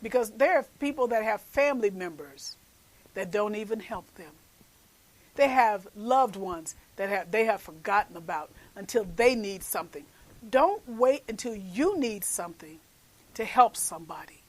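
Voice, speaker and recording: A woman's voice: mid-range voice, expressive, normal speed, poor audio. A woman host preaching an earnest message, repeating phrases and urging her listeners to act. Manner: calls listeners "baby". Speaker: show host and minister.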